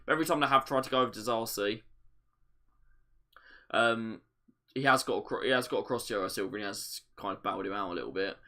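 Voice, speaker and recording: Hosting a football watch-along, this man talks fast in a lowish voice, broken up by long pauses. He mixes live match commentary with chat and gets worked up enough to shout at goals on screen.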